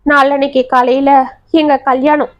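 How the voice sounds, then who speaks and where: A woman's voice: high-pitched, flat delivery, moderate pace, natural voice. Tearful young village woman, voiced by a woman narrator. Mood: despairing. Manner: tearful, earnest colloquial speech. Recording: dry, slightly dull audio.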